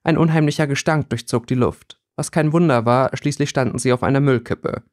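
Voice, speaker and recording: A man narrating a fan fiction audiobook in steady storytelling. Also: mid-range voice, a little fast, no echo, clean studio sound. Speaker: audiobook reader. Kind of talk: scripted narration.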